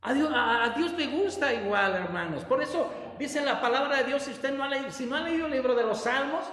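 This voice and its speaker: A pastor preaching a lively sermon, drawing responses from the congregation, with laughing asides. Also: high voice, fairly quick. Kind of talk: Pentecostal-style preaching sermon. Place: church hall. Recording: roomy church hall with long reverb.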